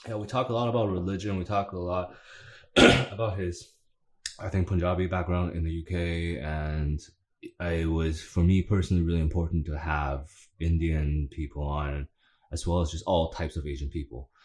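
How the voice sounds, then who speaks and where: A man's voice: sits low, steady tone, normal speed. A young man hosting a podcast, chatting casually and rambling with lots of fillers and restarts. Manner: rambling, hesitant, many fillers. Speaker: podcast host.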